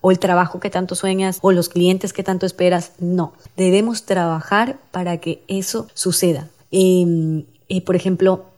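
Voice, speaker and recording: Mellow, low-voiced woman hosting a talk show. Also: fairly even intonation, moderate pace, hardly any pauses. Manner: earnest, addresses the listener directly, many fillers. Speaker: radio show host. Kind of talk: motivational talk show monologue.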